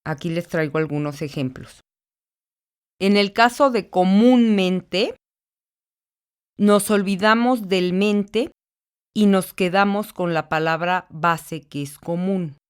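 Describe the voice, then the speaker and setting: A woman's voice: on the low side, slow pace, clean tone. A woman with a Mexican accent, a university instructor giving a recorded lesson, patiently repeating words syllable by syllable. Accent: Mexican Spanish.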